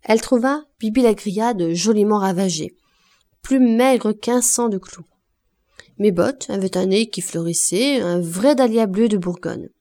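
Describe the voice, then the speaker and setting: A woman reading a classic novel aloud as an audiobook narrator, in a measured, expressive way. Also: medium pitch. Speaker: audiobook reader.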